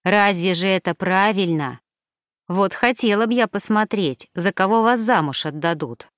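A woman reading an audiobook, voicing a motherly older cook woman who fusses and chides slowly. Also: medium pitch, no echo, studio quality, natural voice. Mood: fussing.

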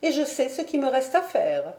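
A woman voicing a stylish, sharp-tongued stepmother who scolds in a storybook reading. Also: sits high, very animated, moderate pace, roomy sound, pitched above the performer's own voice. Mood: reproachful. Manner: reproachful and haughty.

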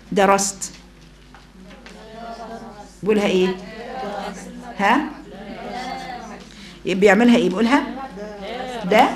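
Fast-talking Egyptian woman teaching religion. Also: mid-range voice, reverberant. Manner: lively, questions the class. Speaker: Quran teacher. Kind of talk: religious lesson to a class.

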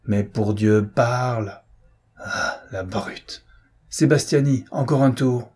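Cruel marquis as a man reads him, harsh commanding manner, husky dark tone, raised pitch. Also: a little slow. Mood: frantic demanding. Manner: harsh, commanding, increasingly frantic. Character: cruel middle-aged male marquis, torturer. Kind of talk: audiobook character reading.

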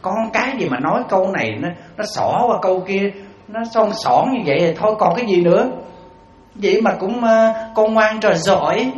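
A man gives a dharma talk, telling stories and acting out the voices in them. His fairly high voice leaps up and down as he keeps asking the audience questions. The hall recording is roomy and a little dull. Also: slight background noise. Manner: animated, acts out quoted voices; addresses the audience with rhetorical questions. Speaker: Buddhist monk giving a dharma talk.

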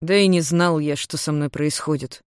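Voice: medium pitch, steady tone, moderate pace, clean tone, no echo, clean studio sound, natural voice. A reader voicing a blunt young man who answers with sarcasm and grumbles. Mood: grumbling.

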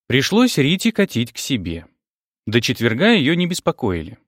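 Expressive male audiobook narrator. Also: mid-range voice, normal speed, no echo, clean studio sound. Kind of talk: scripted narration.

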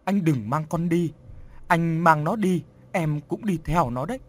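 Man putting on a tearful young widow, high and pleading, husky. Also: lively intonation, measured pace. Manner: crying, pleading. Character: young widowed mother, frightened.

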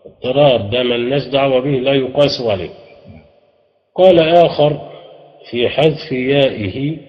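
A man with an Egyptian Arabic accent teaching grammar, reciting verses in a slow chant and quizzing his students with short questions. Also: mid-range voice. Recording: echoey room, dull lo-fi sound.

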